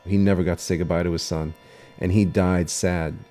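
A man with a very low, mellow voice tells a personal story earnestly. Soft guitar music plays faintly underneath. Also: fairly even intonation, brisk. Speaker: interviewee.

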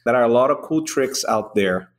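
A man's voice: mid-range voice, lively intonation, normal speed. A man from Brazil, a restaurant co-owner chatting casually as a podcast guest, rambling through stories with restarts.

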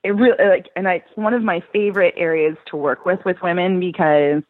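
A woman's voice: fairly low pitch, steady tone, fairly quick, dry recording. A woman therapist explaining pelvic floor care in an interview, her voice coming through a tinny phone line, reassuring and practical with frequent fillers.

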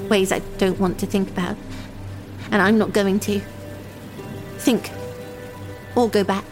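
Timid young runaway played by a woman: high voice, naive, confiding, wistful audio drama monologue, music underneath. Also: natural voice, poor audio. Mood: fearful, subdued. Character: lonely, timid young runaway waiting for a train, childlike and wistful.

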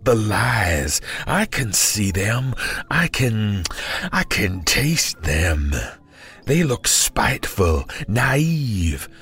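An actor playing a bleeding, hateful male zealot who delivers a slow, menacing monologue with bitter outbursts. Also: lowish voice, big pitch swings, a bit bright, breathy edge, full character voice.

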